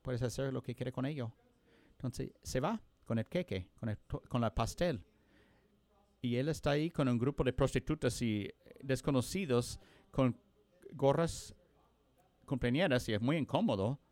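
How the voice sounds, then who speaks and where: A man telling a story during a sermon, earnest, with frequent pauses and restarts. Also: mid-range voice, lively intonation, darkish tone, no echo. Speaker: preacher.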